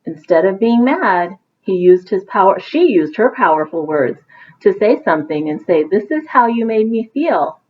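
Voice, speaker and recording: A teacher reads a bedtime picture book aloud to children, her mid-range voice very animated and moderately paced. She adds encouraging asides that explain things simply. The recording sounds thin and phone-like, with narrowband quality.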